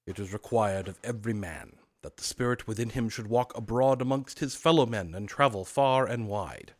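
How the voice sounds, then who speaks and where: A man voicing a tormented old male ghost, speaking loudly, slowly and with great solemnity. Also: on the low side, close to an everyday voice. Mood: mournful. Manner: loud, slow, declamatory. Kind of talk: storybook reading.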